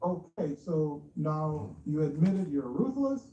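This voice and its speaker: A sarcastic, smug commentator picks apart clips in a mocking exposé style, with taunting rhetorical questions. The voice is very dark and soft-edged, and the recording is dull and roomy. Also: mid-range voice, sing-song, slow pace. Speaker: online commentary show host. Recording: echoey, dull, distant mic.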